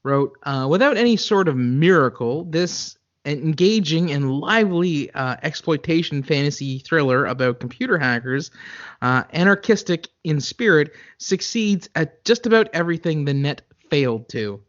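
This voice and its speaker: A man co-hosts a casual movie podcast, often stumbling over the start of his sentences. His voice sits a bit high, and the audio is slightly dull. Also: expressive. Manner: halting, repeats words when starting. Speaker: podcast co-host. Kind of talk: casual movie-review chat.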